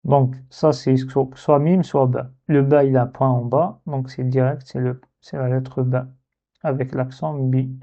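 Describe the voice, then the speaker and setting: A man teaching a lesson step by step, patient, and repeating words slowly so they can be copied. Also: medium pitch, level tone, dark tone, highs cut off. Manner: slow, patient, repeats words to model pronunciation.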